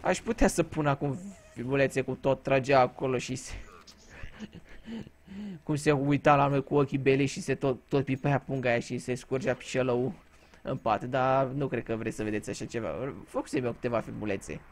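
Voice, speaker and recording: A man's voice: medium pitch, steady tone. A man from Romania giving casual gameplay commentary, telling crude, joking stories and swearing freely. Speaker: gaming YouTuber.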